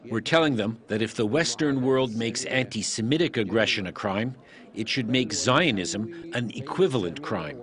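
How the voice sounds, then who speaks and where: A man's voice: mid-range voice, lively intonation, normal speed. Male news translator over a crowd. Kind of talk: read translation of a speech.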